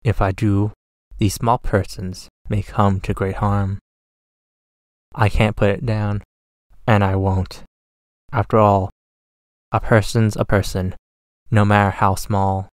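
Gentle, earnest big elephant, read by a man. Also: on the low side, level tone, slow, long pauses, no room sound. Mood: worried, resolute. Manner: sincere, pleading, protective. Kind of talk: rhyming storybook character reading.

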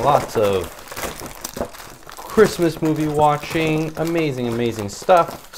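A man's voice: mid-range voice, noisy background. A man hosting a casual, upbeat card-opening and giveaway vlog, chatting directly to viewers and often repeating his phrases. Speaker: YouTube host of a trading card channel.

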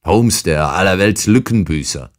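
A man voicing a huge, brutal older man in an audiobook, talking in a rude, shouting, insolent way. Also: deep voice, expressive, moderate pace, voice pushed up. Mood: insolent, angry. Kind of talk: audiobook character reading.

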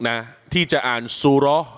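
A man who leads prayer as an imam, teaching new Muslims step by step in a mosque class, speaking patiently and chanting the Arabic recitations slowly for learners to follow. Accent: Thai. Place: mosque training session.

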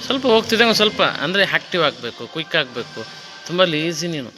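A man's voice: on the high side, sing-song, fast, sharp tone, faint music behind, low-quality recording. A male fitness trainer coaching a client through a gym workout, encouraging her, counting reps and cueing her breathing.

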